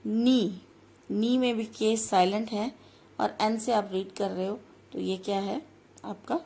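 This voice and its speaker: A woman teaching grammar, explaining step by step and slowing down carefully whenever she reads phrases. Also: mid-range voice, steady tone, creaky, warm tone. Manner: explains step by step, slows down sharply for English phrases. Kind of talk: classroom-style lesson.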